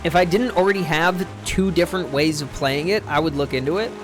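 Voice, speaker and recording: A man's voice: a little high, a little fast. Rambling young man streaming a game. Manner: rambling, swears casually. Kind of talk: casual gameplay chat. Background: game music.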